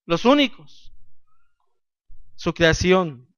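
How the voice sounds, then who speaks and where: High-voiced man preaching with questions. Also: lively intonation, very slow, fairly bright tone, dry recording, dull audio. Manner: emphatic preaching with call-and-response questions to the congregation. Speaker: pastor. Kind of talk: sermon.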